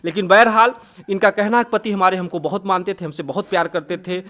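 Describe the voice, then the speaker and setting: A high-pitched man conducts a news-style interview. He speaks earnestly and sympathetically, steering the conversation with questions and commentary. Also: fairly even intonation, a little fast, bright, forceful tone.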